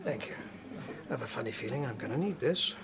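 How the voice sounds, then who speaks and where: An actress playing a brisk, dutiful councillor in a TV drama. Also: female voice, a bass voice, expressive. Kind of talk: TV soap drama.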